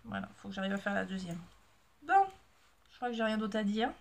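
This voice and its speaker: A woman's voice: mid-range voice, fairly quick, vocal fry. Woman, casual home vlog, chatty, rambling, self-mocking. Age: adult with a child. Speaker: sewing and knitting vlogger. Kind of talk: casual chat to camera.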